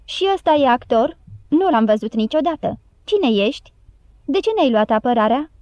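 A woman doing a shouting town crowd. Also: sits high, no room sound, lo-fi sound. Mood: excited cheering. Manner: shouting, excited.

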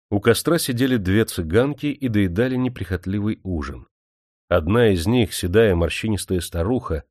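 Measured low-voiced male narrator. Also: no echo, clean studio sound. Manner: measured, even storytelling. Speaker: audiobook narrator. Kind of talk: scripted narration.

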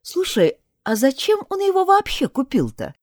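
Reader as a curious young woman asking questions, bright pitch swings, storybook. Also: wildly swooping pitch, moderate pace, no echo, clean studio sound. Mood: puzzled. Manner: puzzled, questioning.

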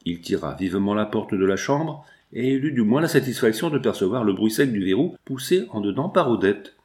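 A man's voice: fairly low pitch, lively intonation, fairly quick, darkish tone. Man narrating a classic novel. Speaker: audiobook narrator. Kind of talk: scripted narration.

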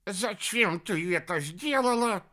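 A man's voice: a little high, very animated, unhurried, pushed and bright, voice pushed up, full character voice. A man voicing a touchy, grumpy wild ostrich who answers sharply.

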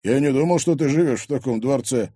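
A man's voice: mid-range voice, a little fast, warm tone, dry recording, clean studio sound, voice pushed up, natural voice. A man doing an insolent young thug. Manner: insolent, gruff, drawling. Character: insolent dark-haired young biker thug.

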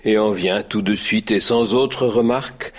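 A man's voice: on the low side, measured pace. A man playing a mild, timid baker who tells his woeful story in tears, in a radio drama. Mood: mournful. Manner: lamenting, tearful storytelling.

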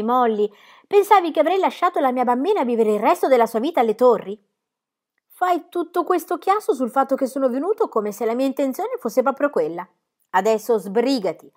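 A woman reading the part of a kindly, teasing middle-aged male country doctor, dry and gently mocking. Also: fairly high pitch, voice pushed up. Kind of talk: audiobook character reading.

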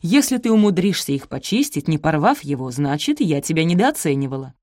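A woman's voice: very animated, a little fast, a little mellow, dry recording, studio quality. A woman voicing a haughty middle-aged stepmother who snaps and barks orders in an audiobook. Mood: commanding. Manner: snapping, shrill and imperious.

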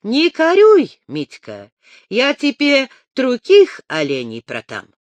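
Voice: sits high, huge pitch swings, slow, no room sound, pitched above the performer's own voice, heavily acted. A reader voicing a sly, cowardly tundra chieftain who swaps d for t and lisps. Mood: lazy. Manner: mispronounces d as t, lisping.

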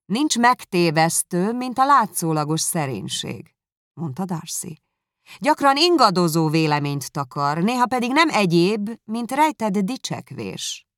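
A woman reading aloud, voicing a reserved, proud young gentleman who speaks in a cool, measured way. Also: fairly low pitch, sing-song, no room sound, studio quality. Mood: lecturing. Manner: cool, measured, dryly critical.

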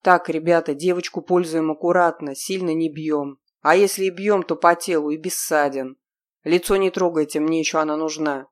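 A woman's voice: low-pitched, steady tone, normal speed, lightly acted. A woman voicing a cruel, callous young man who speaks in a cold, commanding and mocking way.

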